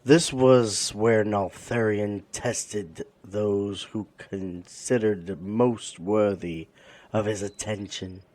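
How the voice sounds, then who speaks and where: A man's voice: lowish voice, a little mellow, no room sound. A man reading game quest dialogue aloud in a grave, solemn, dramatic style.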